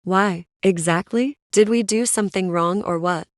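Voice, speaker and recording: Vengeful survivor played by a woman for a horror skit: defiant, medium pitch, close dry recording. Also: moderate pace, no echo, close to an everyday voice. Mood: defiant anger. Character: defiant grieving survivor seeking revenge.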